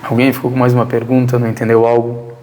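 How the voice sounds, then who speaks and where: A man's voice: mid-range voice, completely flat delivery, quick pace, mellow, long reverb tail, a little hiss or hum. A man from Brazil with a Brazilian Portuguese accent giving an informal religious lesson, answering listeners' questions and often posing rhetorical questions that he answers himself. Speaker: religious teacher. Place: mosque prayer hall.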